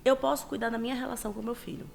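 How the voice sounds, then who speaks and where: A woman's voice: fairly high pitch, creaky, faint music behind. A woman who works as a parenting educator, speaking as a podcast guest in casual chat and acting out quoted dialogue as she tells stories. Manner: animated, quick storytelling, acts out quoted dialogue.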